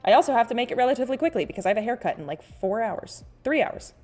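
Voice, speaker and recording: A woman's voice: a little high, expressive, very fast, darkish tone. A woman hosting a casual livestream, chatting playfully with viewers in an exclamatory, rambling way, often interrupting herself as she reads and reacts to comments. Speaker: livestream host and artist.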